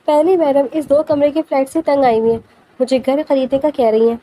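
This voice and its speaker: A woman's voice: high voice, dark tone, lightly acted, poor audio. A woman voicing a young man's joking, casual best friend in a storybook reading. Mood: teasing casual. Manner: teasing, casual.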